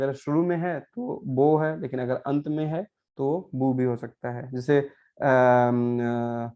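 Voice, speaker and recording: A man's voice: medium pitch, dark tone. Patient man teaching pronunciation, lo-fi. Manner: patient, repeats words slowly and adds frequent "है ना" checks. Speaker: Portuguese language teacher. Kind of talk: classroom pronunciation lesson.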